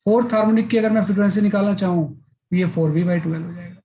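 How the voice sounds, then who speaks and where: A man's voice: high-pitched, very fast, mellow, a little hiss or hum, poor audio. Man, physics teacher, classroom lecture, explains step by step, frequent check-ins. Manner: explains step by step, repeats filler "है ना".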